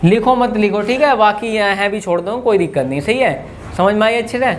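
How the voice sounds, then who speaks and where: A high-voiced man teaches a math class with a tinge. He works through each step aloud and keeps asking his students questions. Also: brisk, slight background noise. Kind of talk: classroom lesson.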